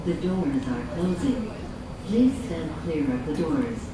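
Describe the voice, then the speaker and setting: Distant echoing train loudspeaker announcement. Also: very animated, slow pace. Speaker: transit announcer. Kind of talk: recorded station announcement. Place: inside a moving commuter train. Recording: echoey loudspeaker from far off, loud train noise. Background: rumbling train noise.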